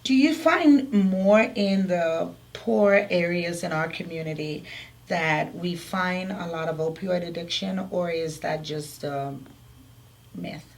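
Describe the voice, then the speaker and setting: A woman's voice: lowish voice, takes it slowly. Woman hosting an interview. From Bahamas. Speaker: interview host. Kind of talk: hosted interview.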